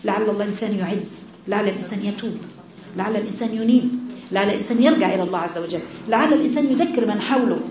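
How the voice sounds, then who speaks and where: A woman's voice: mid-range voice, very fast, darkish tone, reverberant, a little hiss or hum. A woman with an Egyptian Arabic accent giving a religious lesson to women, exhorting her listeners with repeated rhetorical questions. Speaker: religious teacher.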